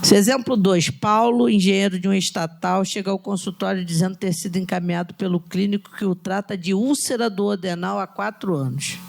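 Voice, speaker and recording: Brazilian woman lecturing with a gravelly voice. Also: medium pitch, fairly quick, few pauses, a little mellow. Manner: explanatory, restarts often, tag questions. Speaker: psychoanalyst lecturer. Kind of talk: congress lecture. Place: conference hall.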